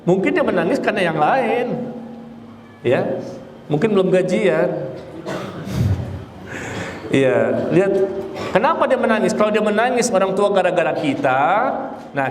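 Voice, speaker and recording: A tired man giving an Islamic lecture and answering audience questions, with joking asides and rhetorical questions. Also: sits high. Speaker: Islamic religious teacher. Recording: roomy hall reverb with faint noise.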